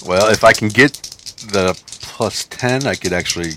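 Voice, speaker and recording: A man's voice: lowish voice, moderate pace, bright, forceful tone, a little hiss or hum. A man chatting casually as a player in a tabletop game, describing his moves.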